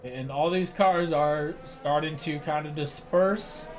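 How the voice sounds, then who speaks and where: Steady, measured young male race commentator. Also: fairly high pitch, soft background music. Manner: steady, explanatory, measured tactical analysis. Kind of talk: live sim-racing commentary.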